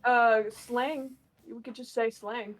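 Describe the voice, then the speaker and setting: A slightly high-voiced woman takes part in an online tabletop game, working out her moves aloud. She often hesitates and stops to restart. Soft music sits behind her. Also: fairly even intonation, takes it slowly, rough recording. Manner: hesitant, thinks aloud with fillers. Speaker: player. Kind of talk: casual tabletop play.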